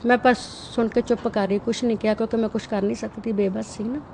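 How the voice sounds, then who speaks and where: Fast-talking middle-aged woman recounting. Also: on the high side, steady tone, creaky, darkish tone, slight background noise. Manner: earnest, keeps adding "right?" tags. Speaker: interviewee. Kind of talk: recounting an incident in an interview.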